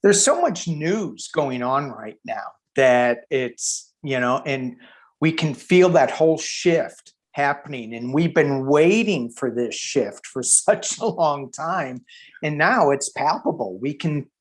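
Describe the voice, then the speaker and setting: A woman's voice: low voice, expressive, slow. A woman guest in a casual tarot chat, easygoing and enthusiastic.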